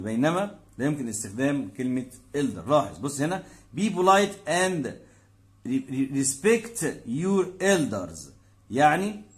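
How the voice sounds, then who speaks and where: A man with an Egyptian Arabic accent, an English teacher explaining a textbook lesson. He reads English example sentences slowly and asks questions that he answers himself. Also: mid-range voice.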